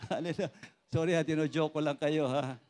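A man preaching to a congregation, his voice pitched high for a man. He tells his testimony in an animated, joking way, calls for raised hands and slips between Tagalog and English. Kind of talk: sermon with personal testimony.

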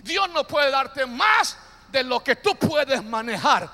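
A man's voice: extremely high pitch, sing-song, pushed and bright. A man preaching a sermon, leading the congregation in call-and-response and stretching out key phrases. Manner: call-and-response, drawn-out emphatic phrases, playful asides. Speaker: pastor. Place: church. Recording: reverberant church hall.

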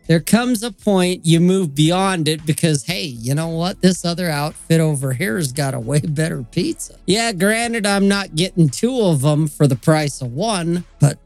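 A man's voice: a little high, no echo. A man hosting a live stream, casual and profane, laying out his point in a lecturing way.

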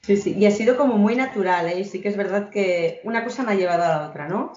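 A woman in her thirties from Catalonia, a guest telling her story in a relaxed interview, reflective and full of small restarts. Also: mid-range voice, fast, a little hiss or hum. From Catalonia, Spain. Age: 30s. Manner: warm, reflective, many fillers and restarts. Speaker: guest, entrepreneur. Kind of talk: conversational interview. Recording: roomy, dull lo-fi sound.

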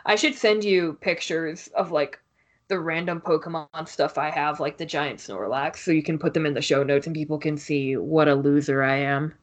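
A woman's voice: low voice, steady tone, normal speed. A young woman guesting on a casual podcast chat, teasing and sarcastic in a playful, grumbling way.

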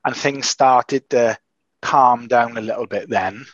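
A podcast host with a middle-pitched, fairly bright voice talks slowly through a long recovery story in a casual chat, hesitating and restarting often. Illness has altered his voice a little, and the recording is dry, somewhat dull, with no room sound.

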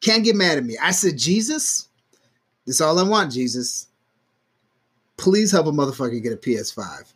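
A man's voice: fairly high pitch, moderate pace, long pauses, husky. A man co-hosting a podcast, telling stories in casual chat, swearing freely and acting out quotes. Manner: animated storyteller, swears freely, acts out quotes. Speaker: podcast co-host.

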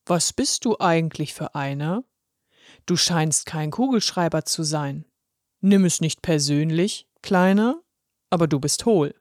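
A deep, gruff yet kindly old-fashioned conductor speaks from a children's storybook, as a woman narrator puts him on. His voice sits low and steady, reassuring and a little stern. The recording is close and dry. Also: measured pace, no room sound. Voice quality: deep put-on voice. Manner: gruff but encouraging. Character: kindly male pen conductor with moustache. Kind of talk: storybook reading.

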